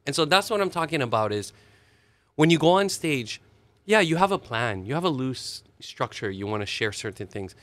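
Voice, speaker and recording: A man, a musician telling stories in an animated, expressive way during an interview. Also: mid-range voice, moderate pace, no echo. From Hawaii. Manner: animated, expressive storyteller with sudden laughs. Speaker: musician guest. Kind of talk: casual storytelling interview.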